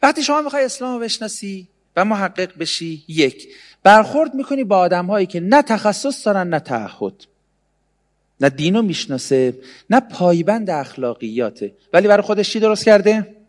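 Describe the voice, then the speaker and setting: A man giving a humorous sermon, sarcastic, swinging between loud and hushed delivery. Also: sits high, big pitch swings, long reverb tail. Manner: sarcastic, mimics others in mocking voices. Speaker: religious speaker.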